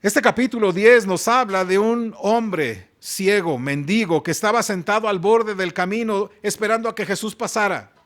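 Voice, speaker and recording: A man with a Mexican Spanish accent preaching a sermon as pastor, moving between loud exhortation and soft asides. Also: sits high, moderate pace, hardly any pauses. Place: church.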